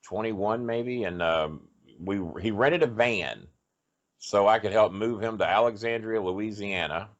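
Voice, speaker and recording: A wrestling storyteller appears as a podcast guest, telling a rambling, profane road story packed with fillers in casual chat. His voice is on the low side and a little slow, and the podcast audio is dull and lo-fi.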